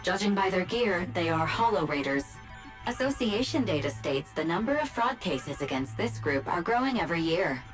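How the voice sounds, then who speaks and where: A gentle care robot guides a rescue in a low, steady female voice. She announces every readout politely and evenly, like a video game assistant. Game music plays clearly underneath. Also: moderate pace, low-quality recording. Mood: calm.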